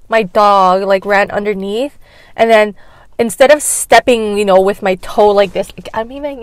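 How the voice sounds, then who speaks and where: A woman's voice: mid-range voice, no echo. A young woman chatting casually while eating in her car, full of "like"s and swear words, laughing often. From Canada. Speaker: mukbang vlogger. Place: inside a car, cars passing outside. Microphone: camera in a car.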